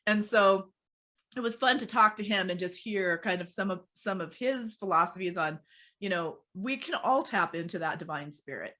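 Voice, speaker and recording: A woman's voice: medium pitch, normal speed, pushed and bright. A woman guest on a podcast, telling personal stories in a casual interview over a video call.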